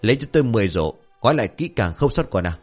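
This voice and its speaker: A stubborn old villager, voiced by a male storyteller, blusters and boasts. His lowish voice moves lively up and down, over faint background music. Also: rapid-fire.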